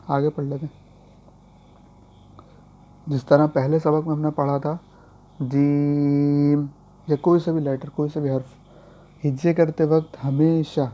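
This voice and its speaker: A man teaching Quran reading in a slow, patient spoken lesson, spelling out letters and repeating each rule. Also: on the high side, mellow, highs cut off.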